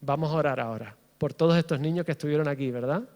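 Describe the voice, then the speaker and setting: A middle-aged pastor preaches in a reverberant church hall, talking fast in a fairly high, slightly mellow voice. He is impassioned, and his fervor builds as he repeats himself.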